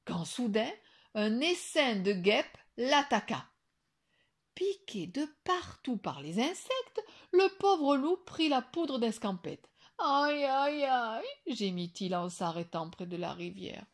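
A woman teacher reading a children's picture book aloud with expressive, animated storytelling. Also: fairly high pitch, slow pace.

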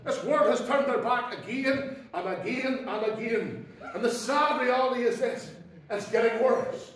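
A Northern Irish man, a pastor preaching an impassioned sermon that swings from soft asides to shouted exclamations. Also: very high-pitched, unhurried. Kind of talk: fiery Pentecostal sermon. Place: church hall. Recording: very echoey hall from far off.

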